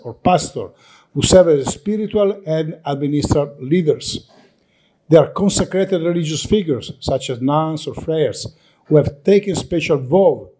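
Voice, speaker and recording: Italian-accented man, conference lecture, halting repeats, breathy voice, dark soft tone. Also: a little high. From Italy. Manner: halting, restarts and repeats words, non-native grammar. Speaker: conference presenter. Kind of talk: lecture presentation.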